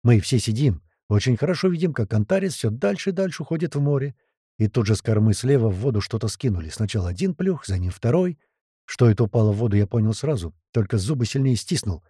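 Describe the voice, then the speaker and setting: A man reading a first-person audiobook with tense, lively storytelling. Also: mid-range voice, fast, breathy edge, dry recording, clean studio sound. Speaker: audiobook narrator.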